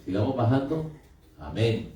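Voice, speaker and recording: A man's voice: medium pitch, big pitch swings, measured pace, dark tone, slight background noise. A male pastor preaching a sermon in a conversational way, asking his congregation questions. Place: church hall. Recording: echoey hall, picked up from a distance.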